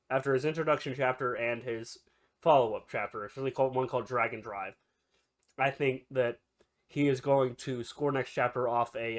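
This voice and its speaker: A man's voice: medium pitch, fairly bright tone. Man, nasal stuffy voice, head cold, casual review chat, rambling, talks to viewers. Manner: rambling, self-correcting, speaks straight to viewers. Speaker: anime and manga reviewer. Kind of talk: casual chapter review commentary.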